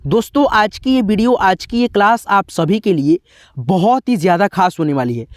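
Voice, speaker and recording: A man's voice: sits high, animated, moderate pace, dry recording, studio quality. Man explaining English pronunciation. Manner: repetitive, asks and answers his own questions, frequent "theek hai". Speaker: English teacher, channel host. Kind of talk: classroom explanation.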